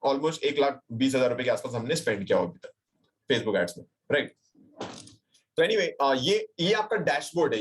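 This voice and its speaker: Chatty Indian man teaching a webinar. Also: fairly high pitch. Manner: chatty Hinglish, mixing English phrases, fillers and checks like "right?"; reassuring, addresses viewers directly and reads chat replies aloud. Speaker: digital marketing trainer. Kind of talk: live webinar screen-share tutorial. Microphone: computer mic on a webinar call.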